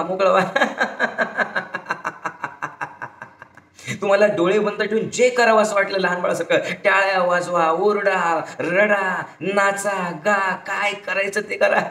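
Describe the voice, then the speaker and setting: A man with a fairly high voice guides a group through meditation. He coaches in urgent, repetitive calls and chanted syllables. His voice rings around a large, echoing room. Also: a bit bright. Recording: echoey room sound.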